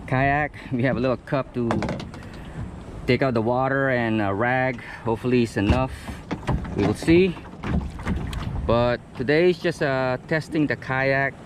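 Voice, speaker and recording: A man narrating a casual vlog, halting and often pausing mid-sentence. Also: mid-range voice. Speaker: kayak fishing vlogger. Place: outdoors at a beach by the water. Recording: outdoor water and wind noise.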